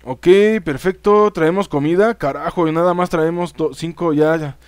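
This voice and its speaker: Chatty Mexican gamer, slightly high voice. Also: male voice, fairly even intonation, normal speed, clear, resonant tone, no echo. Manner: chatty, swears freely, talks straight to viewers. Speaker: gaming YouTuber. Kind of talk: casual let's-play commentary.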